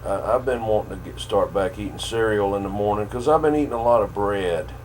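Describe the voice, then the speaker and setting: An older man with a fairly low voice makes casual radio chat. He rambles along in a folksy way, dropping in operator slang, with some background noise. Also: fairly quick, darkish tone. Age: 50s or older. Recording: clear background hum and noise.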